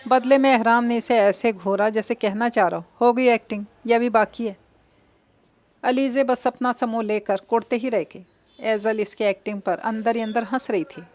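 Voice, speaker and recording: Woman reading a love story out loud, kinda high voice, steady. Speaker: narrator. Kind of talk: reading a romance novel aloud.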